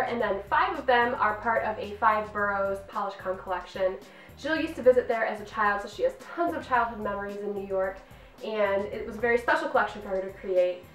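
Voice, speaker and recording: A female host in her 30s gushes bubbly praise in an upbeat nail polish review vlog, her voice a little high and fairly bright. She films in a home filming room that sounds roomy and echoey, with a distant mic and faint music.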